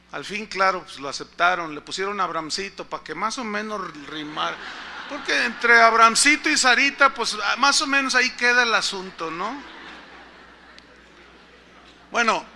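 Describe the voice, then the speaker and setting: A man's voice: high-pitched, sharp tone. A man with a Mexican accent preaching a conversational storytelling sermon, often asking the congregation questions. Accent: Mexican Spanish. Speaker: pastor.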